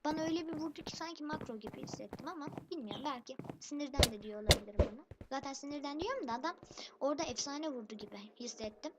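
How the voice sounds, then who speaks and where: A woman's voice: sits high, lively intonation, very fast. A woman commentating her own game for a channel, irritated and complaining, calling rivals noobs. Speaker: gaming channel host. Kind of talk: let's play commentary. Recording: noisy background hiss.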